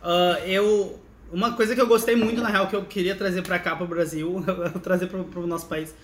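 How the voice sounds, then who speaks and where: A man's voice: high voice, fairly even intonation, moderate pace, roomy sound, a little hiss or hum. A man chatting as a podcast guest, telling stories with frequent laughs and restarts. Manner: chatty storyteller, laughs often, restarts mid-sentence. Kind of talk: casual chat.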